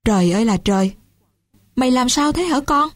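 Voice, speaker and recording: Kind middle-aged uncle read by a woman, gentle then scolding, mellow tone, dry sound. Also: mid-range voice, normal speed, no room sound, close to an everyday voice.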